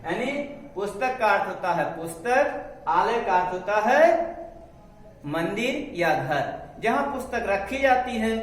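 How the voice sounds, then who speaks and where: A male teacher from India explaining grammar at a board, slowly repeating words and answering his own questions. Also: sits high, a bit bright. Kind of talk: classroom grammar lesson at a board. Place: classroom. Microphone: far from the mic. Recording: echoey classroom, voice far from the mic.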